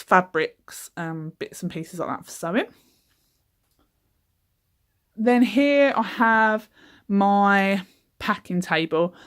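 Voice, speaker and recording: A young woman giving a chatty, relaxed tour of her small craft cabin, with frequent ums. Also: lowish voice. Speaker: craft business owner giving a workshop tour. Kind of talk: casual walkthrough.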